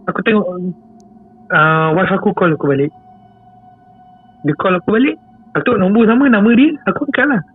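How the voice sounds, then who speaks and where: A man with a high, slightly rough voice and a Malaysian accent relates a scary experience as a guest, talking a little fast and pausing often. He's chatty and relaxed, repeats himself, and chuckles regularly. Soft music plays in the background of a tinny, phone-like recording.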